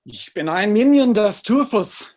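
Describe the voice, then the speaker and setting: A possessed, demonic mutant figure acted by a man at a live script reading. The delivery is slow and theatrical, declaimed in German with open menace. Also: sits high, expressive, darkish tone. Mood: possessed, menacing.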